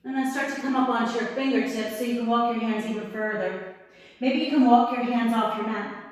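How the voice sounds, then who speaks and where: A woman teaching a yoga class, giving calm, encouraging cues with slightly strained breath as she holds the poses herself. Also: a little high, brisk, very echoey, in a large hall, recorded from a distance, rough recording. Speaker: yoga instructor. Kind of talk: guided yoga class instruction.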